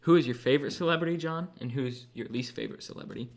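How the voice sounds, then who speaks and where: A man's voice: medium pitch, very fast. A young man co-hosting a casual podcast chat, asking teasing questions in a playful way. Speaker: podcast co-host.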